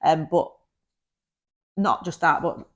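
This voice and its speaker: Low-voiced woman chatting casually. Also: slow. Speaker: podcast co-host, cat-sitting business owner. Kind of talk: casual conversational chat.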